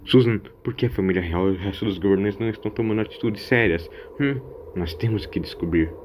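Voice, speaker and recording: A man's voice: lowish voice, fast, a little mellow, close to an everyday voice. A man voicing an elderly, self-assured, evasive grandfather who hems and murmurs, in an audio drama. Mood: urgent. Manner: hemming, murmurs "hum" between phrases.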